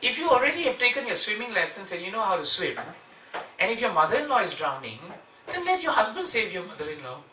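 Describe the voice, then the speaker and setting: Male speaker for a home sermon, lively storyteller, bright and animated, recorded from across an echoey room. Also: high voice, fast talker. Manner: lively storyteller, acts out voices in the tale. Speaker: visiting speaker giving a scripture class. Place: devotee's home, evening class. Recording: roomy, distant mic, faint noise.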